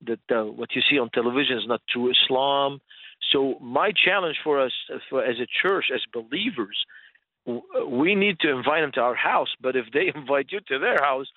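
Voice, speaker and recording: This man, not a native English speaker, appears as a radio guest who teaches conversationally and poses rhetorical questions. His mid-range voice moves at normal speed with no room sound, coming through a narrow, tinny line like a phone.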